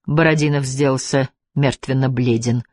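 A man's voice: mid-range voice, steady tone, moderate pace, darkish tone, dry recording, clean studio sound. Man reading a novel aloud. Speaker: audiobook reader. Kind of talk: scripted narration.

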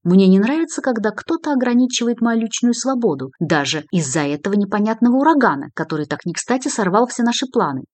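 A woman's voice: mid-range voice, big pitch swings, quick pace, hardly any pauses, a little mellow, dry recording, voice pushed up. A woman reading the lines of an indignant male journalist who complains querulously. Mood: complaining.

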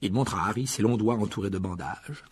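A man with a husky, breathy voice reads an audiobook. His pitch sits low and his telling stays steady. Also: fast talker. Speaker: narrator. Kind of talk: audiobook narration.

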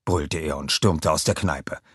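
A man reading a children's audiobook aloud with expressive storytelling narration. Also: a bass voice, unhurried, breathy edge, no room sound, studio quality.

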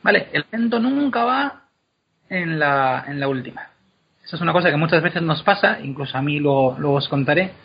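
A man explaining pronunciation in a casual, animated way, drawing words out slowly to demonstrate them. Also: fairly high pitch, gravelly, breathy edge. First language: Spanish. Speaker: guest explaining Elvish pronunciation. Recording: dull lo-fi podcast recording.

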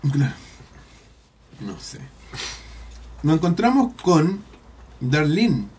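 A man's voice: on the high side, very animated, very slow, a little mellow. A man with a Chilean accent hosting a podcast, recapping an episode in a rambling, slangy casual chat. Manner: slangy, rambling, full of colloquial swearing. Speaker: podcast host.

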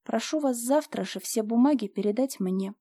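Brief: woman playing a composed young lady of the manor, cool and firm, slightly high voice, storybook reading. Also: normal speed, dark tone, husky, no room sound, studio quality. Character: calm, firm young noblewoman managing an estate.

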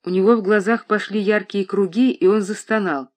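An audiobook narrator reading a classic novel in a measured, even way. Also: medium pitch. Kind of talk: scripted narration.

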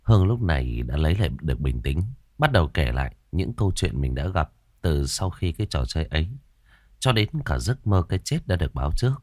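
A man narrating a ghost story with a dramatic, expressive reading. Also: rumbling low, a little fast, no echo, studio quality.

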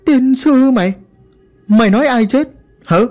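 A man voicing a hot-tempered, foul-mouthed old grandfather who barks and shouts. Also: very high-pitched, measured pace, soft background music, voice pushed up. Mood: angry. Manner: barking, cursing shouts.

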